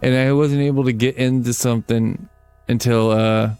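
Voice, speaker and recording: A man's voice: mid-range voice, fairly even intonation, normal speed, a little mellow, clear, resonant tone, faint music behind. A man rambling casually while playing a game, swearing freely and making fun of himself. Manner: rambling, swears a lot, self-deprecating. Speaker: let's play gamer.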